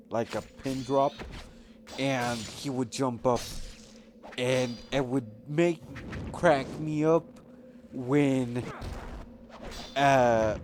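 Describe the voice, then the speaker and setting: A man's voice: mid-range voice, a little mellow, a little hiss or hum. A man casually telling rambling personal stories while commenting over gameplay, with lots of fillers and restarts. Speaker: gaming channel host.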